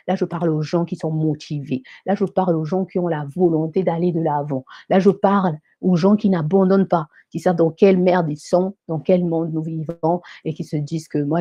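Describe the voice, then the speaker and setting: Host: young woman from Africa, mellow voice, dry close sound, pep-talk monologue. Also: sits low, no room sound, highs cut off. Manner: emphatic, repetitive, motivational, mixes in English phrases. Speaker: live show host and coach. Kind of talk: live stream monologue. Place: France.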